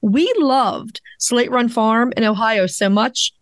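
A woman's voice: fairly high pitch, slow pace, no room sound, studio quality. A woman co-hosting a podcast, chatting casually and asking her guest questions with enthusiasm. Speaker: podcast co-host.

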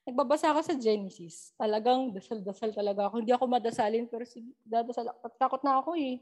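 A woman's voice: fairly high pitch, fast. A young Filipina woman casually recounting personal paranormal experiences, switching into English and acting out quoted dialogue. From Philippines. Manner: mixes English into Tagalog, animated retelling with quoted dialogue. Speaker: guest storyteller. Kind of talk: casual storytelling chat.

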